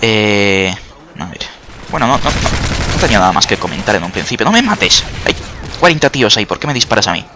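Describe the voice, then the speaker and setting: A young Spanish man with a Spanish accent, a gaming YouTuber, talks fast in a lowish voice with lively intonation over background noise and faint game gunfire. His let's-play commentary is chatty and sarcastic, with the occasional yelp at the game.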